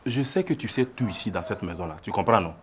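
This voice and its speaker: Man playing a stern dad, lively, fast talker, comedy sketch. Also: lowish voice, slight background noise, voice pushed down. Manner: commanding, brisk. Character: stern father, bossy.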